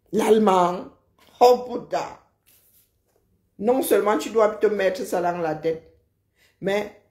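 A woman's voice: mid-range voice, warm tone. A woman, ranting casually and mocking someone as she lectures. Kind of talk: casual live rant. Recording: roomy echo.

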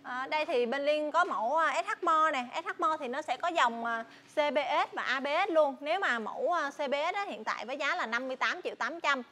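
High-voiced young southern Vietnamese woman. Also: fast talker, hardly any pauses, pushed and bright. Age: young adult. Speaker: motorbike shop saleswoman presenting stock. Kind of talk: casual sales walkthrough. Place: large tin-walled motorbike warehouse. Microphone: clip-on lapel mic.

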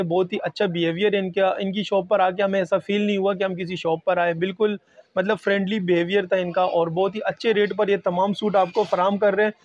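A man in his thirties with a Pakistani accent, hosting a shop vlog and asking questions. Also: high voice. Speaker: video host. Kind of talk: vlog hosting, interviewing a shopkeeper. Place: small fabric shop indoors. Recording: dull, muffled lo-fi audio.

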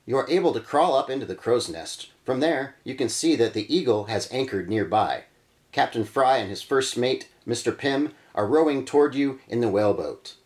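A man hosting a read-through, reading a gamebook aloud with lively, dramatic emphasis and adding casual comments. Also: mid-range voice, normal speed. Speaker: channel host reading a gamebook.

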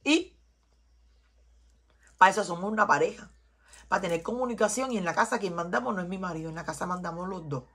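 A woman's voice: on the low side, quick pace, long pauses, fairly bright tone, husky. A Cuban woman with a Cuban Spanish accent giving an emphatic, preachy tarot reading to her viewers, often repeating herself. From Cuba. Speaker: tarot reader.

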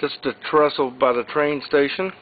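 This man's voice sits on the high side, and his intonation stays fairly even. He narrates a casual walkthrough of auction lots, listing them plainly and without hurry, over thin, phone-like sound with slight hiss.

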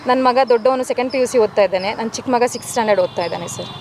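Widowed woman in her forties, fast and pleading, on the street with loud crows behind her. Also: a little high, noisy background. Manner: urgent, pleading, keeps addressing the reporter as sir. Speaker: widow making a complaint to reporters. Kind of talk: news interview statement.

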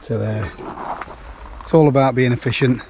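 A man chats to his camera from a camper van, in an easy, dry and joking way. His voice sits at an ordinary middle pitch. A faint hum of the outdoors runs underneath. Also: normal speed, a little mellow. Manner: dry, joking, self-mocking asides. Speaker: vlogger. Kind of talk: casual vlog chat.

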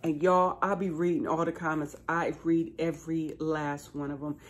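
A woman's voice: low voice, flat delivery, normal speed. A middle-aged American woman chatting casually to her subscribers as a channel host, in an exuberant, folksy manner, repeating words for emphasis. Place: small living room, indoors, seated on a couch.

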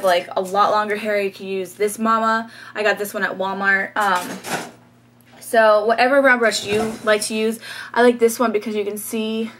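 In a small bedroom, a young beauty vlogger talks casually through styling her hair on camera, full of ums and light laughs in a chatty manner. The camera mic picks up her bright, medium-pitched voice along with a little hiss or hum.

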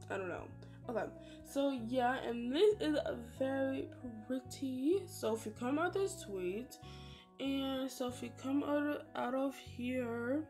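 A woman's voice: fairly high pitch, mellow. A tired woman who has just woken up, talking casually and a little unsure about a game update while showing pictures, with many fillers and trailing words. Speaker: gaming channel host. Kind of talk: casual screen-share commentary.

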